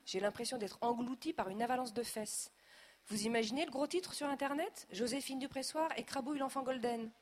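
A woman narrating a children's audiobook in a lively, expressive voice. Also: on the high side, brisk.

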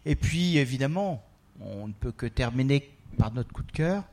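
A male host introducing the readers in a relaxed, chatty way, laughing at times. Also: mid-range voice, moderate pace. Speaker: event host. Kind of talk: casual hosting.

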